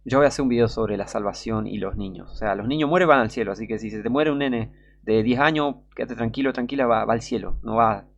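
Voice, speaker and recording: A man's voice: mid-range voice, fast talker, vocal fry. A man with a Rioplatense Spanish accent preaching a sermon in an emphatic way, with many rhetorical questions and frequent checks that listeners understand.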